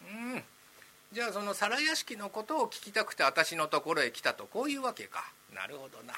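A man doing a calm old retired elder. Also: sits high, full character voice. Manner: slow, soft, unhurried. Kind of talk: rakugo storytelling.

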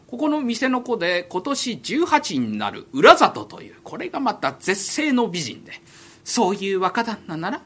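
A man narrating a comic rakugo story in a brisk, measured storytelling manner. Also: very high-pitched, bright, forceful tone.

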